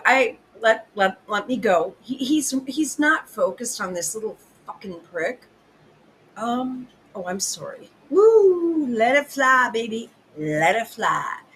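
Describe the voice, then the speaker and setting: Profane, excitable woman ranting slowly. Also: mid-range voice, slight background noise, rough recording. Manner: profane, excitable, self-interrupting. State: hiccuping. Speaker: podcast host. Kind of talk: ranting casual commentary.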